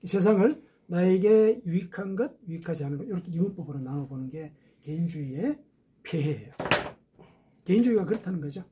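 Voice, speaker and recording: A man's voice: high voice, animated, brisk, mellow, a little hiss or hum. A man preaching a sermon as a pastor, explaining step by step with rhetorical questions.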